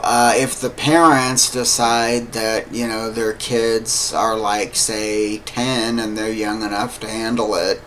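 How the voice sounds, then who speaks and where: Slow, earnest man reviewing a film. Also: medium pitch, a bit bright, slight background noise, poor audio. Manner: unhurried, many fillers, earnest. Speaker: movie reviewer. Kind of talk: casual spoken film review.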